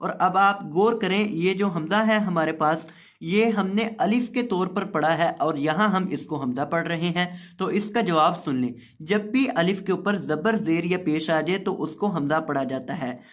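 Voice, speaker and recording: Male Quran tutor, high voice, slow and patient, repeats every word. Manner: patient, repeats each word slowly and drawn out. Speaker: Quran reading teacher. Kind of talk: slow step-by-step lesson.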